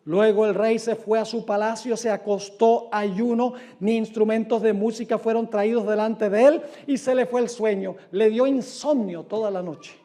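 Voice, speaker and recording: A man preaching a sermon who reads scripture aloud with dramatic, drawn-out emphasis and asks his listeners rhetorical questions. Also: sits high, fairly even intonation, dark tone.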